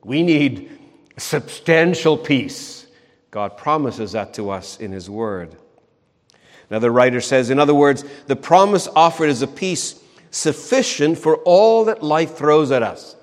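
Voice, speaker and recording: A man preaching a sermon in an earnest way, repeating words for emphasis and slowing down on key phrases. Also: on the high side, lively intonation, long reverb tail. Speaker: pastor.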